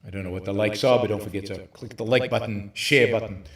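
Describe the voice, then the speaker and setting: A man hosting a livestream, lecturing emphatically from a hotel room with very high ceilings, his voice carrying a hollow cave-like echo. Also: fairly even intonation, fast talker. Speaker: show host. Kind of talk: livestream talk on philosophy.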